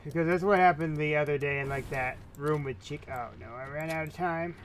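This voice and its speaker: A man's voice: a little high, steady tone, fairly quick, slight background noise. A man hosting a playthrough, giving casual commentary as he games. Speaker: gamer, host of a playthrough.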